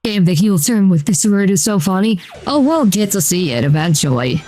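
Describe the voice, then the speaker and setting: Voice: mid-range voice, moderate pace, soft background music. A streamer talking through a voice changer, chatting casually while playing a video game, with a loose, rambling delivery full of "uh" and "like". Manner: rambling, relaxed, with many "uh" and "like" fillers. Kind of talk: casual gameplay commentary.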